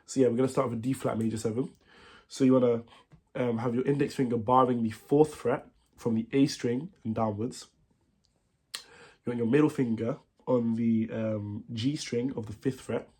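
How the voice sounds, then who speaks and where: A man with a cold, sounding nasal and congested, teaching a guitar song in a halting, casual way with many fillers and self-corrections. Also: medium pitch, steady tone, darkish tone, husky. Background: guitar playing.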